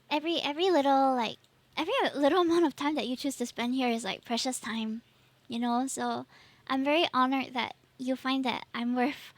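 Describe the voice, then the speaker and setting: A young woman with a Singaporean accent talks to her stream in a loose, rambling way, often breaking into laughs. Her voice sits high and bright in pitch. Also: no echo. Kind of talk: casual live-stream chat.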